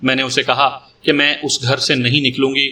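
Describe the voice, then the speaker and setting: Man reading as a young woman, defiant, frank, bright tone, slightly distant mic, audiobook story. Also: medium pitch, level tone, close to an everyday voice. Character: young woman giving a police statement, bold.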